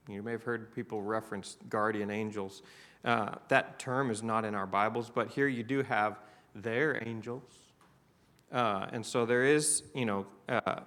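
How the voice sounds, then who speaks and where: A man's voice: medium pitch, a bit bright. Man teaching a church Bible class. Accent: Southern US. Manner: conversational, asks the class questions, many restarts.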